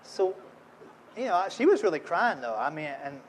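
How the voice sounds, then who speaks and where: A middle-aged man with a Tennessee drawl spins a humorous personal story from the stage, folksy and self-deprecating. He talks straight to the crowd. His voice sits a bit high for a man, with a faint hum of room ambience behind him. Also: sing-song, normal speed, rough recording. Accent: Southern US, Tennessee. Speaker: speaker at an industry event.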